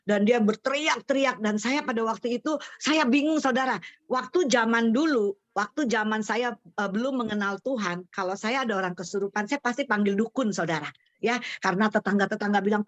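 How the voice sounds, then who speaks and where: A woman's voice: no echo, lo-fi sound. A woman pastor with an Indonesian accent, giving a testimony sermon and calling her listeners "brothers and sisters" again and again, voicing the quoted prayers with fervor. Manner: addresses the congregation as "saudara" again and again; animated, acting out quoted prayers at a higher pitch.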